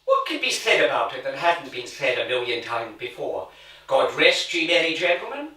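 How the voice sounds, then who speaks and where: A man's voice: medium pitch, very animated, moderate pace, bright, forceful tone. A man playing a wry English comic presenter with a dry, knowing delivery, recorded in a roomy space away from the mic. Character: wry middle-aged male comic presenter, cheeky. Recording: roomy echo, distant mic.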